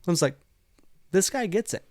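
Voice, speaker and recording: A man's voice: high voice, lively intonation, normal speed, a little mellow, no echo. Laid back guy cohosting, chatty storyteller, dry close mic. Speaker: podcast co-host. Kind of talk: casual crude banter.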